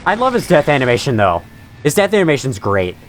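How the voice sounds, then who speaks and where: A man's voice: medium pitch, huge pitch swings, fast talker, a little hiss or hum. A man giving casual, opinionated reaction commentary as a gaming YouTuber, often griping and chuckling through his remarks.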